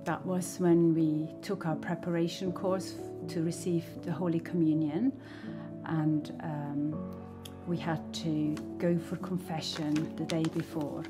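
A Swiss woman in her sixties, a church member, shares her testimony earnestly and reflectively, with soft hesitations. Her voice is deep and slow, with little pitch movement. She's recorded on a stand mic in a small living room, framed at medium close-up, with soft music in the background.

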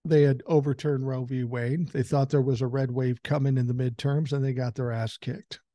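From a room at home with a couch at his back, a man in his sixties who has a common cold casually riffs on politics for his podcast, bluntly and with the odd swear word. His warm, mid-range voice moves little in pitch at a normal speed. A large foam-covered dynamic mic sits close to his mouth, giving a dry recording.

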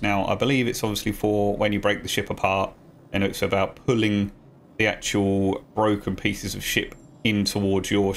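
Gravelly-voiced man explaining a game. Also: lowish voice, slight background noise. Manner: relaxed, talks viewers through steps. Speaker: gaming guide creator. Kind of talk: casual game tutorial voice-over.

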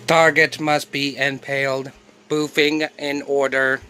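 A man voicing a bossy male robot police enforcer in a comedy skit, barking clipped, monotone commands. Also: mid-range voice, slow pace, a little hiss or hum. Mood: commanding.

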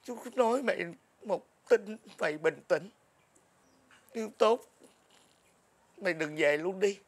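A man's voice: sits high, lively intonation, full character voice. A man playing a teasing uncle prankster. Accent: Southern Vietnamese. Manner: gruff, scolding, drawn-out teasing. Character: teasing middle-aged uncle, deadpan prankster. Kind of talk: comedy skit acting. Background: music.

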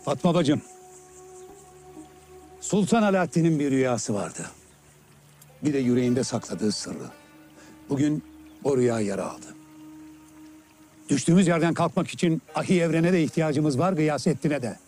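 Measured, authoritative middle-aged emir actor. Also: male voice, a little high, animated, a little mellow, soft background music, lightly acted. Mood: resolute. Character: resolute middle-aged emir giving orders. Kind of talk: historical TV drama acting.

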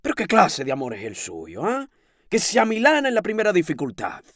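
A meddling older landlady who scolds in shrill, rapid bursts, as a male reader puts her on. Her pitch leaps sharply from line to line, and the reading sounds dry and close, with no room around it. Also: huge pitch swings, a bit bright, no room sound, full character voice. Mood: scolding. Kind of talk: audiobook reading.

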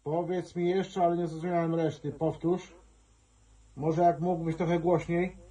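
During a casual ham radio contact, a Polish amateur radio operator chats in a friendly, easygoing manner. His voice is a little high and level, at a measured pace, and the recording is rough.

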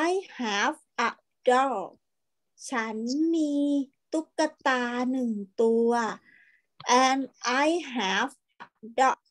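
High-voiced patient woman teacher. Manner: patient, coaxing, repeats words slowly for pupils. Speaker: primary school English teacher. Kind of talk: online class for young children.

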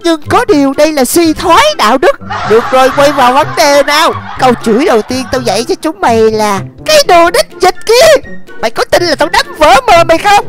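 A bossy male demon teacher barks insults at his class, as a woman voices him. The voice sits very high and talks crudely and mockingly. Music plays clearly under this game video voice-over. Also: animated, a little fast. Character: rude male demon teacher impostor, villainous. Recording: music bed behind voice.

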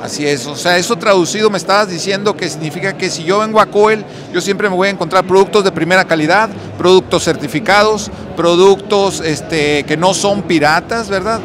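A man hosts a casual walkthrough vlog touring an electrical expo, chatting on the spot and interviewing people in the indoor hall. His high-pitched voice is brisk, with few pauses, fillers and restarts. Crowd noise surrounds his handheld mic.

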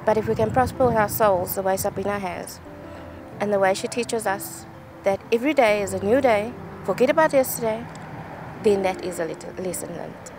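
A middle-aged South African woman, a teacher and the colleague who sent the wish, speaks warmly, fondly and earnestly in praise of a colleague. Her medium-pitched voice is a little fast, with music in the background, and she's outdoors on open ground, then on a phone.

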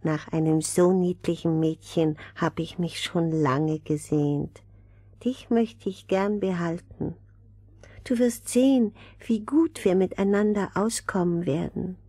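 An actress playing a lonely, possessive old sorceress in a fairy-tale audio drama, with drawn-out, incantatory delivery. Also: female voice, lowish voice, dark tone, slightly rough, no room sound, clean studio sound. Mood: fond, possessive. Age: older. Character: lonely old sorceress woman, sweetly possessive, not evil.

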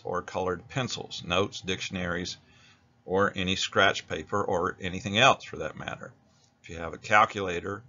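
A man's voice: low voice, pushed and bright, highs cut off. An American man narrating an instructional video as a teacher, explaining things in a plain-spoken way.

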